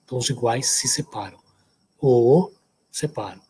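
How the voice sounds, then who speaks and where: A man's voice: mid-range voice, normal speed, dark tone, breathy edge. A man from São Paulo, with a São Paulo accent, giving a recorded university lecture and checking in often with short tag questions. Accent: Brazilian Portuguese, São Paulo. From São Paulo, Brazil. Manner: explanatory, checks in often with "tá certo?" and "né?".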